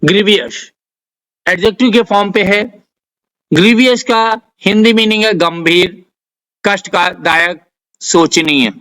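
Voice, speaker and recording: A man with an Indian accent, teaching a vocabulary lesson, dictating word lists slowly and carefully. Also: high voice, bright, forceful tone, rough recording. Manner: dictates word lists slowly, spells out English example sentences. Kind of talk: slow, deliberate vocabulary lesson.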